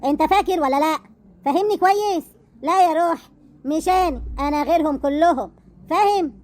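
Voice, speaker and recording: A woman's voice: high-pitched, a little mellow, natural voice. A woman playing a bitter, mocking Egyptian wife. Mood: scornful. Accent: Egyptian Arabic. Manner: scornful, mocking, quick retorts. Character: bitter, sharp-tongued wounded wife. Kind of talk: amateur audio drama.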